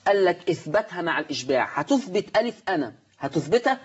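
A man with an Egyptian Arabic accent teaching Quran recitation rules at a board, animated, asking the class questions and answering them himself. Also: high voice, quick pace, lo-fi sound.

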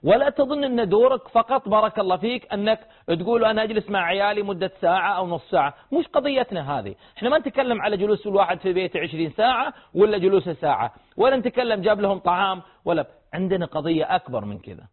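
Radio host, man, preachy family advice, quick husky delivery, tinny line. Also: high-pitched, expressive. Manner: earnest, exhortative, addresses listeners directly.

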